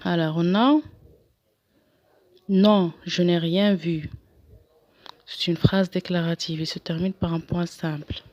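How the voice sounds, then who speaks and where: A woman's voice: on the low side, fairly even intonation, slow, long pauses, a little mellow, no room sound. A woman teacher going through a French grammar lesson, reading out exercises and explaining them patiently step by step. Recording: dull lo-fi sound, dry.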